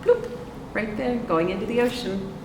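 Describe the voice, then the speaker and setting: At a library storytime, an American woman on the high side reads picture books with animation and quizzes the young audience, leaving pauses for them to answer. She is recorded far from the microphone in a roomy, echoing, noisy space.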